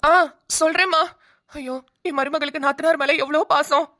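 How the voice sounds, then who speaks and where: A fretful cartoon mother-in-law, acted by a woman, doting and dramatic in her worry. Her voice is high-pitched and bright. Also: fairly even intonation, moderate pace. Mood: fussing. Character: fussy doting mother-in-law, middle-aged. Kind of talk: cartoon voice acting.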